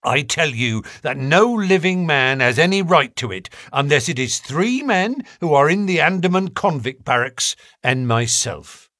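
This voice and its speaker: A man's voice: a little high, very animated, a little slow, few pauses, sharp tone, no room sound, clean studio sound, pitched above the performer's own voice, exaggerated voice. A man reading aloud, voicing a defiant, bitter middle-aged male convict who talks in an impassioned snarl.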